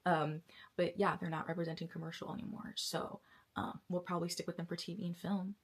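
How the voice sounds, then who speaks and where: Young woman, casual confessional vlog, tired, low voice, husky, chatty with soft whispery stretches. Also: level tone. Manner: chatty, drawn-out and weary, drifting into soft whispers. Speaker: vlogger and actress.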